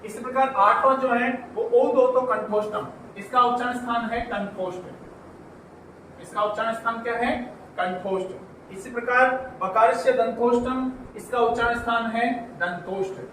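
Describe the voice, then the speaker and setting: A man's voice: very high voice, steady tone, a little slow, sharp tone, a little hiss or hum. A male teacher giving an exam-prep grammar lesson. He repeats key points as questions and then answers them. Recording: roomy echo, from a distance.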